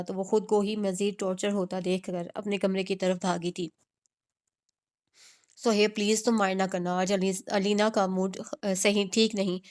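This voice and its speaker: Her mid-range voice has a slightly mellow quality as she narrates a scripted romance audiobook. All the characters' lines come out in an almost plain delivery, and she makes small restarts along the way.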